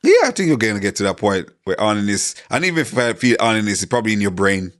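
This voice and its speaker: A man's voice: on the low side, expressive, quick pace, fairly bright tone. A man co-hosting a casual couple podcast, speaking in an easygoing, rambling way. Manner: easygoing, rambling, repeats "you know what I mean". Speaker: podcast co-host.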